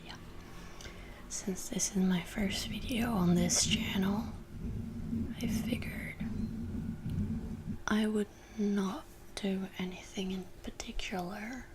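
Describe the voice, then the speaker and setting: A French woman in her twenties, an ASMR creator, whispers a rambling, self-deprecating chat into a desktop USB microphone in a lamp-lit room at home. Her medium-pitched voice stays fairly even, moving slowly with frequent pauses, over background noise.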